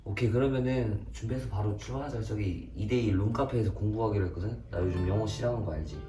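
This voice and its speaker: A man's voice: lowish voice, fast, warm tone, very echoey, recorded from a distance, faint music behind, poor audio. A young man in a comedy skit, talking in a flustered, pleading way with lots of stammering.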